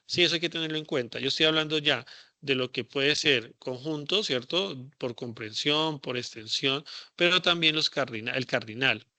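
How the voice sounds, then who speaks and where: A man teaches a class in a loose, thinking-aloud way, full of fillers and checking questions. His voice is gravelly and very bright, and the recording is dry and close, with no room sound. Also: medium pitch, moderate pace, no room sound. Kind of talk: classroom lecture.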